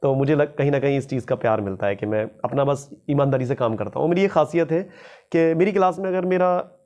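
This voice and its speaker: A man talks quickly and freely as the guest of an interview, recounting his work as an English teacher. He sounds humble and keeps circling back over his own phrases. His voice sits at an ordinary middle pitch. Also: a little mellow. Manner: fast-talking, humble, repeats phrases. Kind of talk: casual interview.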